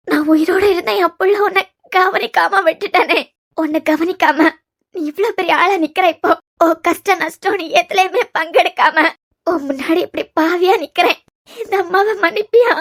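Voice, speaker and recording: A grieving cartoon mother with a Kanyakumari Tamil accent, pleading over and over through tears, as a woman voices her. Her voice is very high. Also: normal speed, a bit bright. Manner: pleading, tearful, repetitive. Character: grieving elderly mother begging her lost son's forgiveness. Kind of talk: cartoon web series voice acting.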